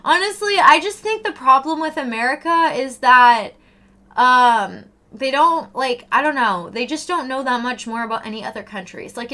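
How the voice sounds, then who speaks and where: A young Canadian woman chatting casually with her livestream viewers, ranting and swearing freely in an animated way. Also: mid-range voice.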